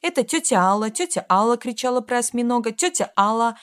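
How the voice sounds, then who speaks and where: A woman reading an audiobook, voicing a childlike young man who shrieks and shouts in a drawn-out way. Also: on the high side, expressive, no room sound, clean studio sound, voice pushed up. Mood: shrieking.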